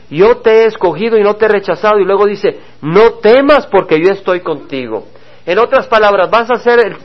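A male pastor preaching a sermon in a somewhat high voice, earnest and searching. He climbs on his questions and sinks low and soft on solemn lines. The recording sounds dull and lo-fi.

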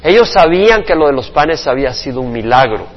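Husky-voiced pastor preaching in a reverberant hall. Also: male voice, a little high, brisk. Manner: expressive preaching with sound effects and acted quotes. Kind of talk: sermon Bible study. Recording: muffled reverberant church recording.

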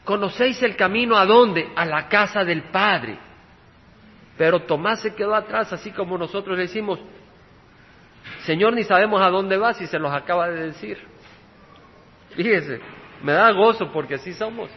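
A male pastor preaching a sermon, asking his listeners rhetorical questions and moving between loud emphasis and hushed passages. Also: high-pitched, normal speed, pauses often. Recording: dull lo-fi recording with long hall reverb.

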